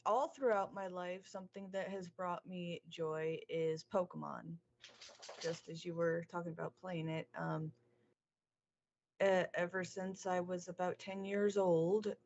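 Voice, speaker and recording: A woman chatting casually as a podcast guest, speaking in a hesitant, halting and modest way. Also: lowish voice, fairly even intonation, a little mellow, muffled recording. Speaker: podcast guest, streamer and artist. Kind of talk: casual chat.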